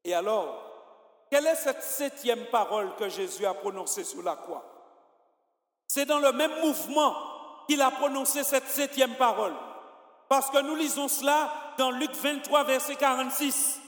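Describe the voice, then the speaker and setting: A man with a Martinican French accent preaching a sermon, speaking with passion that swings between soft passages and shouts. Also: very high voice, lively intonation, moderate pace. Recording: echoey hall with long reverb.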